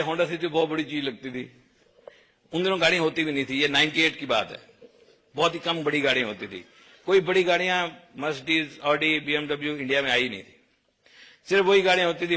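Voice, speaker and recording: A man giving a storytelling speech, lively and anecdotal, acting out bits of dialogue. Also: fairly high pitch. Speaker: motivational speaker.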